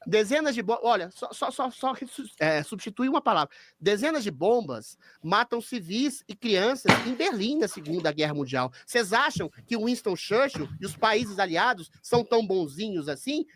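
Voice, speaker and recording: A man's voice: sits high, sing-song, normal speed, hardly any pauses, fairly bright tone, slight background noise. A man with a Brazilian Portuguese accent, speaking as a podcast guest and arguing his point in an assertive, combative way. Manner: assertive, argumentative. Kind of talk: podcast debate.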